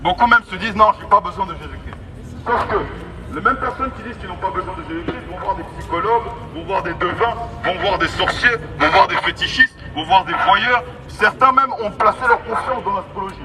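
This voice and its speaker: Through a megaphone on an urban street, a man with a high voice preaches a little fast, emphatic, repetitive and exhorting in his evangelistic appeal. The recording is distant and noisy, with passing street traffic.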